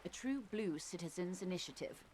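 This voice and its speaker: A woman voicing a poised, worldly negotiator who speaks smoothly and articulately with gentle irony. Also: lowish voice, animated, fairly quick, slight background noise, lightly acted. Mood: explanatory.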